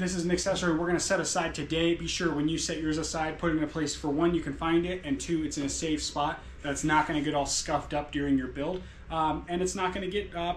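A man's voice: a little high, a little hiss or hum. A man in his thirties explaining a fan installation step by step as a how-to tutorial, recorded in an indoor workshop room at a distance from the camera. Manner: clear step-by-step explaining, gesturing at parts. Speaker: van conversion installer. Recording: echoey room.

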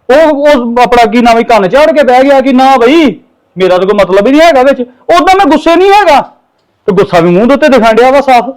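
A man acting as a fatherly elder brother with a reproachful, lecturing way of talking. His voice is pitched very high for a man. It is a family drama scene.

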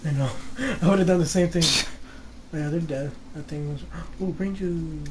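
A man's voice: on the high side, normal speed, noisy background. A man watching his friend play a horror game, giving urgent backseat instructions. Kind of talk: casual let's-play commentary.

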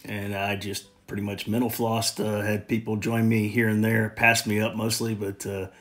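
A man hosting a travel vlog, talking outdoors into a handheld camera in a relaxed, halting way with many fillers. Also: lowish voice. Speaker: vlog host. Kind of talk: casual travel vlog narration.

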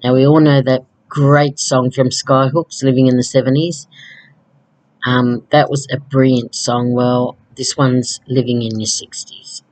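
Unhurried woman, early sixties, chatty home vlogger, rambling delivery. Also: very deep voice, flat delivery, darkish tone, rough recording. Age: 60s. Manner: rambling, conversational, frequent ums. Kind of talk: casual chat to camera. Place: small home room indoors. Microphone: laptop webcam.

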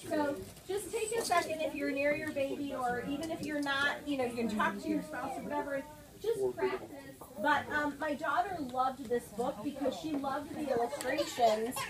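Woman running a parenting class, high voice, heard from far off in a roomy, noisy hall. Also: moderate pace. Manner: friendly, explanatory, filler-heavy. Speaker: parenting group leader. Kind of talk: group instruction. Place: large room with a group of parents. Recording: roomy, distant, noisy crowd.

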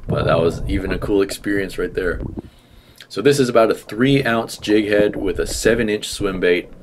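A fishing vlogger in his thirties with a lowish voice enthusiastically narrates his own fishing video at a moderate pace, explaining as he goes in a casual voice-over. The background is noisy.

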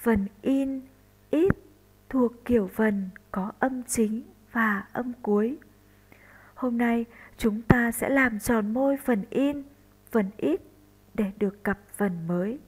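Very slow woman teacher, first-grade lesson. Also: fairly high pitch, a little mellow, low-quality recording. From northern Vietnam. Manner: slow, deliberate, spells out sounds in a clear teaching voice. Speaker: primary school teacher.

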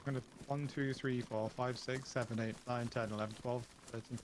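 A man's voice: mid-range voice, steady tone, moderate pace, noisy background. A man talking casually with a gaming teammate over voice chat, his mic cutting in and out and fading away.

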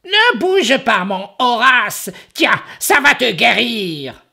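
A man reading a children's story, voicing a joyful, doting female ogress with a very high, shrill, gushing voice. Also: big pitch swings, slow pace, creaky, bright, forceful tone, full character voice.

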